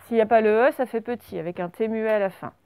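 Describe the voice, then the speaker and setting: High, clear-voiced woman teacher dictating. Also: a little mellow, no room sound. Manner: slow, over-articulated dictation of words. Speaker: primary school teacher. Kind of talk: classroom dictation lesson.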